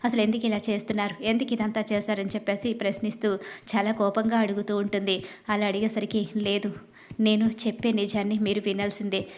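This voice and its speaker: A woman's voice: mid-range voice, flat delivery, brisk. A woman narrating a recap of a TV serial episode, retelling scenes in long run-on sentences and reading the characters' dialogue in her own voice.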